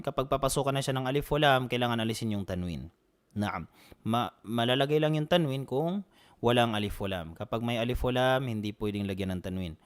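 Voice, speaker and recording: A man's voice: medium pitch, smooth. A man teaching an online Arabic lesson, patiently repeating and drilling phrases. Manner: answers students by name.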